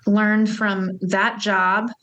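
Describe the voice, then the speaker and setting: A woman's voice: medium pitch, level tone, fairly bright tone. A young woman from Alabama, a guest telling stories in a chatty way with many fillers. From Huntsville, Alabama. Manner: chatty storyteller, quick asides, many fillers. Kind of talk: casual interview chat.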